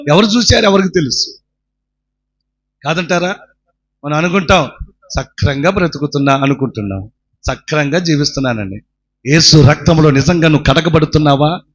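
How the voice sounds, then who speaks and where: A man's voice: on the high side, moderate pace, pauses often. A man preaching a sermon, telling a story dramatically and crying out the pleas of its characters. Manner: dramatic storytelling, acting out voices and shouting pleas.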